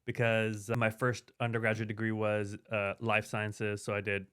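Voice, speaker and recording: A man's voice: lowish voice, monotone, moderate pace, fairly bright tone, clear, resonant tone. A man hosting a career podcast, chatting casually and restarting his questions as he goes. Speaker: podcast host. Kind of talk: casual interview chat.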